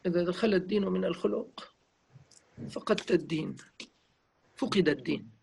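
A man speaks in a high, gravelly, husky voice. He reminisces gently and reverently, softly repeating phrases. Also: normal speed. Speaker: interviewee. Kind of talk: reminiscing conversation.

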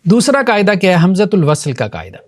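High-voiced man teaching a grammar lesson. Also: wildly swooping pitch. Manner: explanatory, asks the class questions; repeats key terms slowly.

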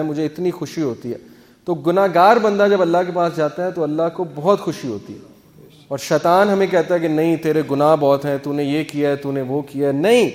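A male teacher gives an earnest, conversational religious talk, explaining with everyday examples and mixing in English words. His voice sits high with a darkish tone, and the recording has long hall reverb.

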